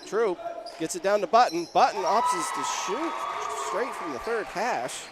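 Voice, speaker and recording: A young man calls a high school basketball game play by play, his voice sitting somewhat high and climbing into shouts when a shot drops. The live gym hum and bouncing balls stay audible under him. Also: unhurried. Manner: excited, rising to shouts on big plays. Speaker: play-by-play commentator. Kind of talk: live sports commentary.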